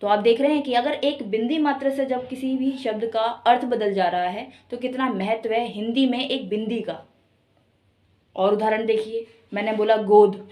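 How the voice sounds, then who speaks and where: A woman teaching an online Hindi class, explaining step by step and slowly stretching example words to show stress and tone. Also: on the high side, a little mellow.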